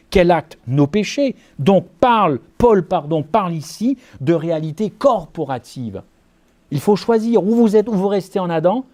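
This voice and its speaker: Conversational French preacher, mellow voice. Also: male voice, sits high. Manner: conversational, asides and rhetorical questions to the congregation. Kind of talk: sermon with Bible study.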